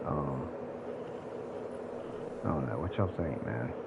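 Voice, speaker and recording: On his gaming stream, a live streamer in his late 40s from South Carolina talks right to viewers in a loose, rambling way. He has a gravelly bass voice with lively intonation and a slow pace. Music plays underneath, and the recording is very noisy.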